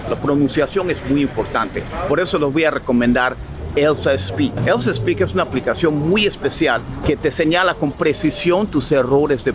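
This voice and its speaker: A man giving a casual video lesson on English pronunciation, animated, saying sample words first wrong and then right. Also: medium pitch, reverberant, slight background noise.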